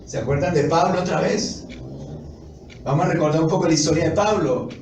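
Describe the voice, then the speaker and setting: Male preacher, emphatic, somewhat high voice, recorded from afar in an echoey church with noise. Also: fairly quick. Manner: emphatic, rising to loud exclamations; asks the congregation questions. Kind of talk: sermon. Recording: echoey hall from a distance, noisy.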